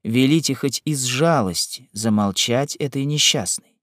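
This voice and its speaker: Male narrator as a restrained young man, grave and sorrowful, slow. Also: mid-range voice, no echo, studio quality, close to an everyday voice. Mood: pleading.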